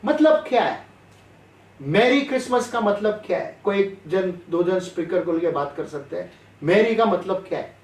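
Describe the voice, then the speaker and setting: Man preacher, high voice, chatty sermon, asks questions, far from the mic. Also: expressive, normal speed, darkish tone, roomy sound. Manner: conversational, asks the audience questions. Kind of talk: sermon over online call.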